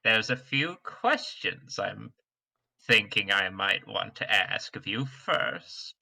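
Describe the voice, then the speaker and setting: A man voicing a looming old dragon with slow, menacing politeness in a tabletop game. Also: on the low side, lively intonation, gravelly, heavily acted. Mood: quiet menace. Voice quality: old man's dragon voice, held back rather than shouted.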